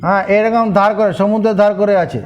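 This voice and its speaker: A man's voice: high voice, steady tone, dull audio, slight background noise. A man teaching an informal geography lesson, repeating names and spelling them out letter by letter. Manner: slow, repetitive, spelling letter by letter.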